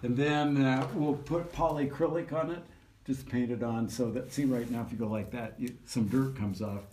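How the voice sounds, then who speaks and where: A man's voice: medium pitch, normal speed. Man, casual tour guide, practical explaining, poor-quality field recording, far from the mic, faint background noise. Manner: relaxed, practical, hands-on explaining. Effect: poor-quality, distant field recording. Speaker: community member giving a tour. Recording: distant, echoey, noisy field recording.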